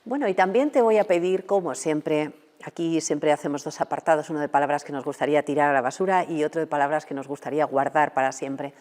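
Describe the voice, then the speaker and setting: Low-voiced woman host in an echoey hall. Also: fast talker, a little mellow. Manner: friendly, playful, repeats words back. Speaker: radio host. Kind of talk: casual interview chat. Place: museum hall.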